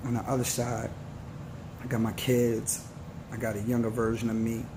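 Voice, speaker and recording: A man's voice: mid-range voice, monotone, background noise. A man in his forties giving an earnest, slangy motivational talk to his viewers. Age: 40s. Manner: earnest, preachy, slangy and slow. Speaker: vlogger.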